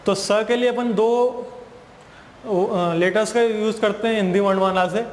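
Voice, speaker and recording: A man's voice: high-pitched, fairly even intonation, measured pace. A male teacher giving a spoken English grammar lesson in Hindi, explaining patiently and repeating himself, often asking and answering his own questions. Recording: echoey room with long reverb and faint hiss.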